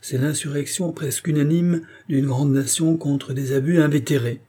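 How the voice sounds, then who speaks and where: A man voicing a calm, shrewd minister in his fifties in an audiobook, speaking in a measured, persuasive way. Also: a little high, husky, pitched above the performer's own voice. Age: 50s.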